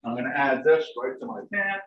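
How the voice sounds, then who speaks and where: In a large home kitchen, a middle-aged chef who directs dining services does a live, relaxed step-by-step cooking demo full of "um" and "like I said," with turkey sizzling in a pan. A fixed camera across the counter picks up his brisk, medium-pitched voice from a distance, echoey, lo-fi, and faintly hissy.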